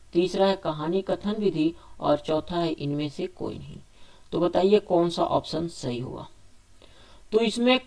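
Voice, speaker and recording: A high-pitched man with a darkish tone teaches an exam quiz lesson aloud. He reads out each question, answers it himself, and repeats the answer choices several times.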